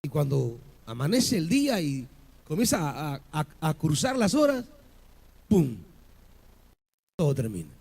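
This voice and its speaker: A male pastor preaching a sermon with passion, asking the congregation rhetorical questions and building to shouted peaks. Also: on the high side, very animated, measured pace, vocal fry, pauses often, slightly rough.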